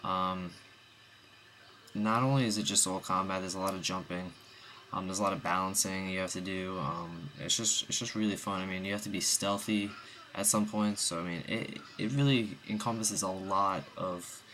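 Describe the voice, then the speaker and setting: A man's voice: sits low, steady tone, normal speed, pushed and bright, a little hiss or hum. A young man with the hiccups giving a rambling, casual game review voice-over, full of ums and restarts.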